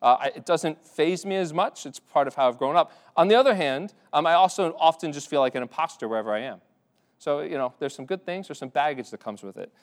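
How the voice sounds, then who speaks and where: An Irish pastor preaches a sermon to his congregation in a church sanctuary, his fairly high-pitched voice fast and expressive. He talks conversationally, with many restarts and fillers.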